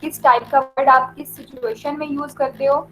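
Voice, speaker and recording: A woman teaching an online lecture, explaining slowly with many fillers and mixing English terms into her Hindi. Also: high-pitched, level tone, a bit bright, rough recording.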